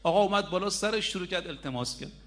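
A middle-aged man preaching a sermon, telling a story and speaking straight to his listeners. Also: sits high. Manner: storytelling, addresses listeners directly.

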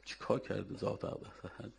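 A man preaching a religious sermon, exhorting and scolding his listeners with rhetorical questions. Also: slight background noise.

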